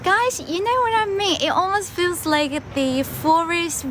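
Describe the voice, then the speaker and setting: A young Chinese woman with a strong Chinese accent hosts a livestream while walking a path in an outdoor wetland park, chatting casually, switching between English and Mandarin and using many fillers. Her pitch is extremely high, her intonation lively and her pace unhurried, with a slightly bright tone and a little hiss or hum.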